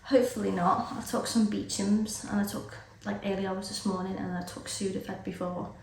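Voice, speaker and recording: A British woman with a cold and sore throat vlogs casually to camera, rambling with plenty of fillers. Her mid-range voice is gravelly, steady in tone and moderate in pace. She is off-mic and distant in an echoey room with loud background noise.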